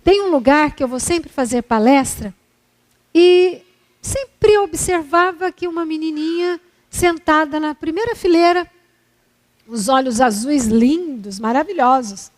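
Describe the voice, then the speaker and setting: A woman giving a spiritual lecture, telling a story with emotion and slow, reflective pauses. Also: high voice. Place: Spiritist center hall.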